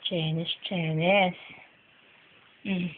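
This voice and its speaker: A Filipino woman talks to her newborn in a casual, teasing coo. Her pace is slow and unhurried. It sounds like a dull home recording with faint noise behind her. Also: on the low side, steady tone. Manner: talking to a baby, cooing and teasing. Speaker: new mother filming her newborn.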